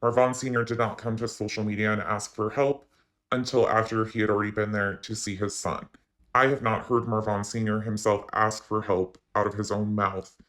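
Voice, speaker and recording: A man's voice: fairly low pitch, little pitch movement, normal speed, a bit bright. A man speaking through a voice changer, hosting an opinionated online commentary and talking straight to his viewers. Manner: opinionated, addresses viewers directly. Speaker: commentary channel host.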